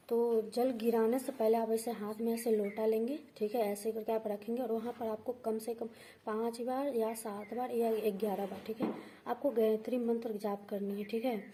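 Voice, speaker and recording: A woman's voice: on the high side, dark tone, a little hiss or hum, poor audio. A woman teaching a devotional ritual step by step, patiently repeating each point and checking in with her viewers. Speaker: astrology and vastu teacher. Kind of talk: devotional how-to instruction.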